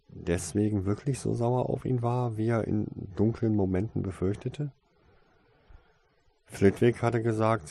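A man narrates a story aloud with a deep, low voice. His tone is dark and mellow with a husky, slightly breathy grain. The reading is calm and steady throughout. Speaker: audiobook narrator. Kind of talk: scripted narration.

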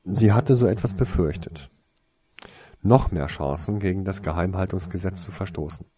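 Man reading a story, low slow husky voice, mellow tone. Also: dry recording. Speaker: narrator. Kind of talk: audiobook fiction reading.

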